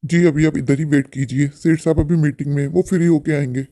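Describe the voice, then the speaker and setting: A man's voice: a little high, steady tone, brisk, warm tone, no room sound, lightly acted. A man voicing a polite house guard in a cartoon.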